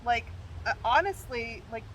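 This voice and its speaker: A woman's voice: on the high side, expressive, measured pace, fairly bright tone, far from the mic, a little hiss or hum, poor audio. A middle-aged woman co-hosting a casual chat, talking candidly and chattily, laughing easily. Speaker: podcast co-host.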